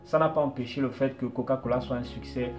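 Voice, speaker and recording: A man's voice: medium pitch, steady tone, quick pace, a little mellow, soft background music. A man coaching viewers on starting a business, explaining step by step and repeating his points. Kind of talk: motivational talk to camera.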